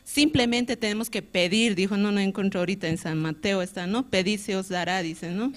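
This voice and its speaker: A woman's voice: mid-range voice, brisk. A woman with a Bolivian Spanish accent gives a personal church testimony, retelling frankly and earnestly and tagging nearly every phrase with a questioning "¿no?". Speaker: church member giving testimony.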